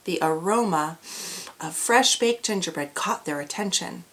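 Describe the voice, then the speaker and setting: A woman's voice: lowish voice, lively intonation, a little slow, a bit bright. A woman storyteller reading aloud to children, with an exaggerated, cheery child-directed delivery and questions put to the young listeners. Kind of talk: animated children's read-aloud.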